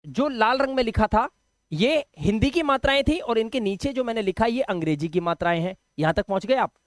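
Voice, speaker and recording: A man teaches beginners step by step, with a slightly rough throat. He keeps asking the viewer questions and repeats each key word. The sound is dry and close, with no room around it. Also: high-pitched, dry recording. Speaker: English teacher. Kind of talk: classroom explanation.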